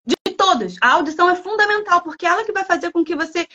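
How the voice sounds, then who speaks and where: A woman from Brazil, a guest speaker who talks in a lively, playful way and acts out imagined students' lines. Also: very high voice, fast, highs cut off, slight background noise. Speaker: guest speaker, language school head. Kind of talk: lively talk in a livestream.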